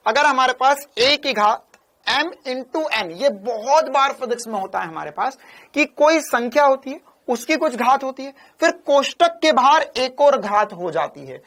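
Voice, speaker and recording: This online physics coach has a very high-pitched, fairly bright voice, animated yet unhurried. He keeps repeating phrases, firing questions at students, and asking viewers to confirm and drop a thumbs up.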